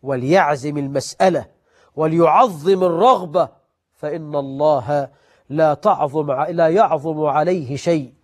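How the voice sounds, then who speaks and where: A man preaching in Egyptian Arabic, swinging between loud emphatic lines and soft asides, and slowing down to recite scripture. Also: on the high side. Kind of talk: sermon on prayer etiquette.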